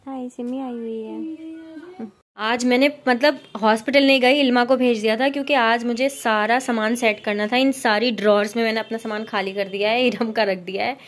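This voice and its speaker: A woman's voice: a little high, fairly even intonation, moderate pace. A woman chatting casually to her viewers in a vlog, talking straight to them with plenty of fillers. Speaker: vlogger. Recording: music playing underneath.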